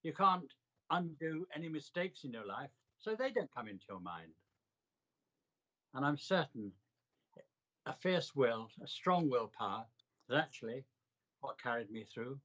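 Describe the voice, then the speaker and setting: Bright, forceful older man reminiscing. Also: medium pitch, sing-song, measured pace, long pauses, muffled recording. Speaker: interviewee recounting a hospital stay. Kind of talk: reflective personal storytelling in an interview.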